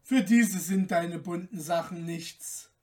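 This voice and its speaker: A kindly, fatherly storybook man speaks calmly and gently, as a woman narrator reads him. The delivery is slow and unhurried, with the microphone set well back. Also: on the low side, recorded from a distance. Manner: calm, warm-hearted, unhurried.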